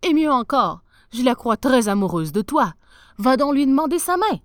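A woman's voice: high-pitched, sing-song, moderate pace, no echo, clean studio sound, voice pushed up. A woman voicing an earnest, hearty male ship captain.

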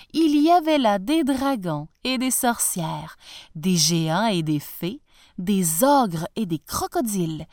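A woman storyteller reads a storybook aloud in a gentle, expressive voice. She takes her time, and her pitch rises and falls with the tale. The sound is close and dry. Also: no room sound.

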